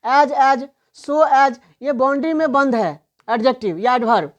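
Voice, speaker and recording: A woman teaching an online English grammar lesson, asking questions and answering them herself, and reading out English examples slowly. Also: high voice, highs cut off. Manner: explains in Hindi, reads English examples slowly.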